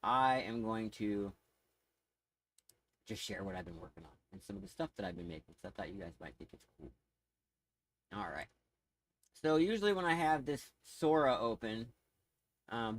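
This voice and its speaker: A man's voice: fairly low pitch, animated, normal speed, poor audio. A man streaming live, chatting casually in a rambling, easily sidetracked way with frequent laughs. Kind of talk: casual livestream chat.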